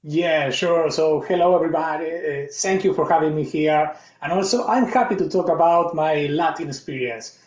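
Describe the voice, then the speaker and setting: Argentine male guest, Spanish accent, friendly, high voice, muffled roomy sound. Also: normal speed, few pauses, a little mellow. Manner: friendly, non-native phrasing. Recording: echoey, dull lo-fi audio.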